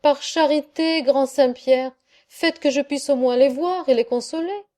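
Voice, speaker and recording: A worried village priest begs and exclaims in fervent, imploring tones, voiced by a woman narrator. The voice sits high and mellow, and he speaks slowly, pleading with each word. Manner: pleading, fervent, easily alarmed. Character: anxious village priest, a middle-aged man.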